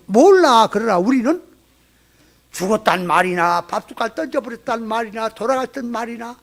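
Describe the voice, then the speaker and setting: A man's voice: high-pitched, creaky, a bit bright. A pastor with a Jeolla accent preaching a sermon, folksy and full of rhetorical questions to his congregation. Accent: Jeolla Korean. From Jeolla, Korea. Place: church sanctuary.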